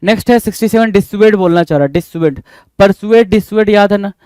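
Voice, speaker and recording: A man's voice: sits high, a little fast, a little mellow, clear, resonant tone, no room sound. A male English teacher giving an exam-prep spelling lesson. He repeats each word, spells it out letter by letter, and keeps calling his students "bhai.". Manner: repeats words and spells them out letter by letter, addresses viewers as "bhai".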